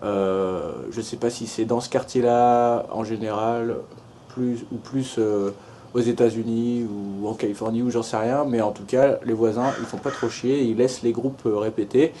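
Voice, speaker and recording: A man's voice: mid-range voice, steady tone, moderate pace, warm tone, a little hiss or hum. Hesitant young Frenchman vlogging. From France. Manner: hesitant, many fillers and restarts. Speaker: travel vlogger. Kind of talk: casual vlog narration, giving a house tour. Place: house and garden.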